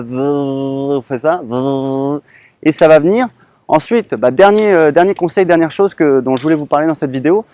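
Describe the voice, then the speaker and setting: A man's voice: a little high, mellow, dry recording. A man giving a casual lesson outdoors on a beach, speaking informally with many hesitations and restarts. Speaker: online English teacher.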